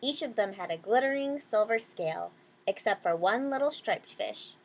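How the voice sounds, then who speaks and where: Reading a children's storybook to young listeners, this woman speaks in a mid-range voice at a moderate pace and sounds animated. She breaks in now and then with simple asides to explain things.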